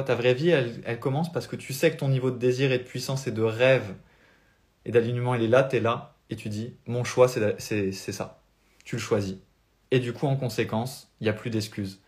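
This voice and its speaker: A man's voice: medium pitch, steady tone, brisk. A young French man with a French accent, a spiritual life coach giving an earnest, motivational talk on a live stream without notes.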